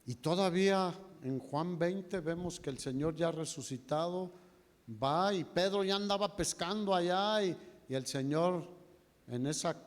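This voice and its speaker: A man's voice: fairly high pitch, in a large hall. A man with a Mexican Spanish accent preaching a sermon, telling the story dramatically, his voice swinging from raised to nearly whispered. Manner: dramatic storytelling, voice rising and dropping to near whispers. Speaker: pastor. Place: church hall.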